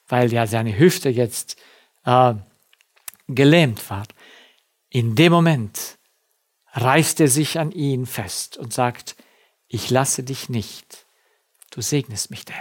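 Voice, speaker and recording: A man preaching a sermon, slow and emphatic, swinging between loud, stressed passages and hushed ones. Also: medium pitch.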